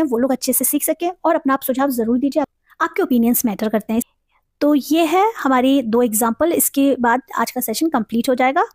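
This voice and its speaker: A woman with an Indian accent teaching English vocabulary. She reads English example sentences very slowly, then explains them at length, asking questions and answering them herself. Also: sits high, a little mellow, no echo, studio quality. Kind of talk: vocabulary lesson in Hindi mixed with English.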